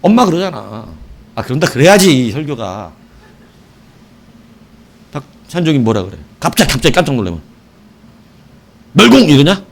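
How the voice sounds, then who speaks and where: A middle-aged male pastor preaching an evening sermon, telling stories with animated shouts and asking his congregation questions. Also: mid-range voice, normal speed, creaky, long pauses.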